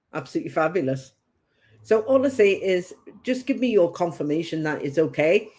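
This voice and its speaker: A woman's voice: sits low, dark tone. A woman with a light northern English accent with a touch of Geordie, hosting a psychic reading live stream in a chatty, rambling way and laughing often. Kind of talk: casual live-stream chat.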